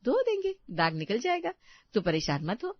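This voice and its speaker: A woman voicing a calm, patient elder sister-in-law who soothes gently, in a cartoon story. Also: fairly high pitch, moderate pace, dry recording, muffled recording. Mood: soothing.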